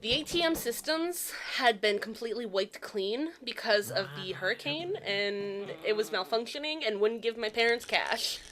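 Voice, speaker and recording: A young woman casually telling a childhood story among friends, animated and quick to laugh. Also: on the high side. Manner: animated, laughs often, acts out quoted lines. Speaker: storyteller in a gaming chat.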